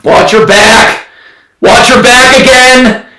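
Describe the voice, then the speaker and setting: Very high yet steady in tone, a man speaks slowly while giving live basketball play-by-play reactions on a livestream. He rants bluntly in exasperation, frequently raising his voice and saying things again, heard with a roomy echo from far off the mic.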